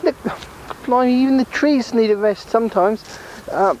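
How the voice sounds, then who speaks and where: A man putting on a very high voice for an exhausted, exasperated male leader who keeps begging for rest. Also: normal speed, darkish tone, slight background noise, rough recording. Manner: breathless, pleading and exasperated. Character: exhausted male group leader, frantic and complaining. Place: outdoors.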